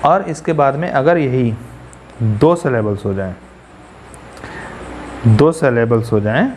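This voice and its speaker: A man's voice: mid-range voice, animated, slow pace, a little mellow, slight background noise. A man teaching poetry as a class lecture, repeating key terms and putting questions to the students. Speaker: English teacher.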